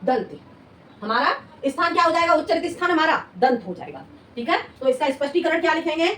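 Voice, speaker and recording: High-voiced woman teaching in an echoey room. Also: lively intonation, fairly bright tone. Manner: repeats words slowly while writing, asks rhetorical questions. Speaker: Hindi coaching teacher. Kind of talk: classroom lesson, dictating notes. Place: coaching classroom. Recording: echoey room, mic at a distance, faint noise.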